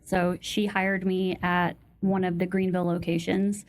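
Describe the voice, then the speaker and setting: A woman's voice: on the low side, a little slow. Easygoing woman guest telling stories. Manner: relaxed, laughs easily, rambling storyteller. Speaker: podcast guest. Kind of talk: casual interview chat.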